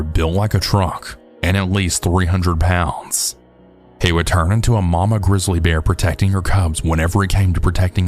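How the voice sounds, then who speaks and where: A man narrating true scary stories in a steady, measured storytelling voice. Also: sits low. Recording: faint background music.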